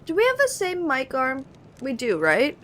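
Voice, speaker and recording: High-voiced rambling woman streamer. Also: huge pitch swings, normal speed, a bit bright, slight background noise. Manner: rambling, loose, swears casually. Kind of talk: casual gaming stream chat. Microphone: cheap desk mic on an arm.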